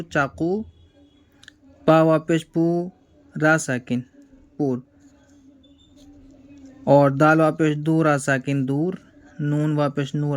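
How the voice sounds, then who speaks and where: A man from India teaching reading, spelling words out letter by letter in a slow, deliberate way. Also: fairly high pitch.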